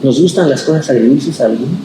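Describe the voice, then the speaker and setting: A man's voice: mid-range voice, quick pace. A man, a pastor leading a conversational Bible study class, asking the group questions and acting out the voices he quotes. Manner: chatty and animated, acts out quoted voices, asks the class questions. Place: church classroom. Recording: echoey room with background noise.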